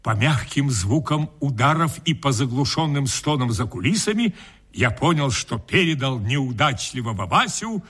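A man narrating a first-person story in an expressive, dramatic reading. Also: medium pitch, normal speed, husky. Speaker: audiobook reader.

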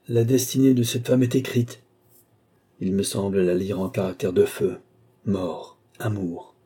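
A man's voice: on the low side, dark tone, slightly rough. A man reading an audiobook, voicing a tormented male sorcerer torn between love and ambition, declaiming in passionate murmurs and outbursts.

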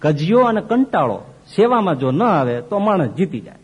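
A man preaching a devotional sermon, telling a story, swinging between loud emphasis and soft low asides. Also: sing-song, normal speed, breathy edge. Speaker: swami preacher.

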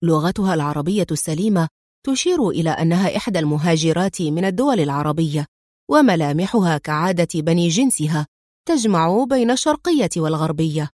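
A composed, quietly mocking male agent from an audiobook thriller, put on by a woman reader. He speaks steadily and drily, in a voice pitched down below the reader's own. The sound is close and dry, with no room around it. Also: fast talker, no echo. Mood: wry. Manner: calm, dry and mildly mocking. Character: calm, sardonic male secret agent.

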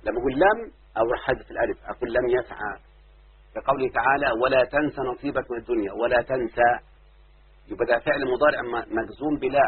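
Husky quick-talking Egyptian teacher, lo-fi. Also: male voice, mid-range voice. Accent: Egyptian Arabic. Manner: asks students again and again if they follow. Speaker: Arabic grammar teacher. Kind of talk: informal grammar lesson. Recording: muffled lo-fi phone-quality recording.

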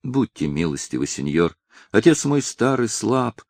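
A man's voice: on the low side, sing-song, a little slow, no echo, exaggerated voice. A man voicing a frightened young woman who pleads for her father. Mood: pleading. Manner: pleading, anxious.

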